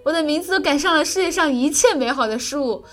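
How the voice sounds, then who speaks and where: A woman's voice: high-pitched, lively intonation, fast, pitched above the performer's own voice. A woman mimicking a vain young man, gushing. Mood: smitten. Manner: gushing, self-admiring. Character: vain young man admiring his own name.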